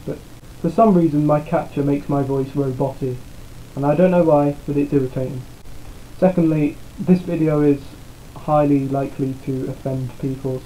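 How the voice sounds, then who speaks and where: A man, his voice turned metallic and robotic by a capture glitch, giving a flat, unhurried disclaimer as host of a party game video. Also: medium pitch, slight background noise. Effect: metallic robotic distortion from a capture glitch. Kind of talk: spoken disclaimer to viewers.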